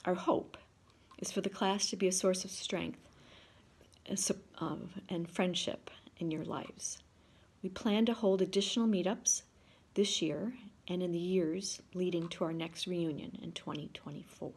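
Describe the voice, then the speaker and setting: A woman in her sixties, a class officer, giving measured prepared remarks over a video call from her living room. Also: on the low side, husky. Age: 60s. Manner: measured, reading from notes. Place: home living room, indoors. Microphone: video call, laptop camera.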